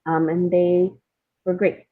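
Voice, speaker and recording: Speaking slowly in a fairly low voice with little pitch movement, this Indian woman comes through on phone-quality audio. She's a guest playwright and screenwriter in a reflective interview, hesitant and thoughtful, poking fun at herself now and then.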